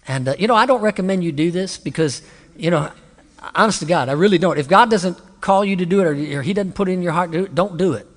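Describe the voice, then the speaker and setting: A middle-aged male pastor tells a story from the pulpit, lively and chatty, turning to his listeners now and then. His voice sits a bit high for a man, and it rings with a long hall reverb. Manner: animated, conversational, with asides to the audience. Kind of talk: storytelling sermon.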